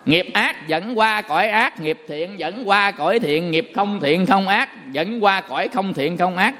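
A man giving a Buddhist dharma talk, a folksy, animated storyteller who quizzes his listeners. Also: sits high, a little slow. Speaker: Buddhist monk. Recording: long hall reverb.

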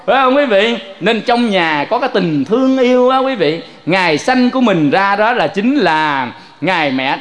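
A man giving a Buddhist sermon, telling stories with lively gestures in his words and often turning to ask his listeners questions. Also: sits high. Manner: lively storytelling, addressing listeners directly. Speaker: Buddhist preacher.

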